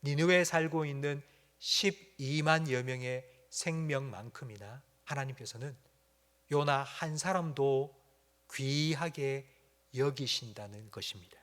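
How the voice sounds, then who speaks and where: A man preaching a sermon in a church, with dramatic pauses and emphatic rising peaks. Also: on the high side, fairly bright tone. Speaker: pastor. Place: church sanctuary.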